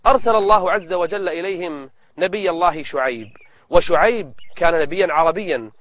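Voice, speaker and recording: A man with a distinctly high-pitched voice tells religious stories in formal standard Arabic. He speaks as a preacher and programme presenter, explaining the tales to his audience in a storytelling sermon style. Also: fairly bright tone. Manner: preacherly, explains between slow melodic recitations of scripture.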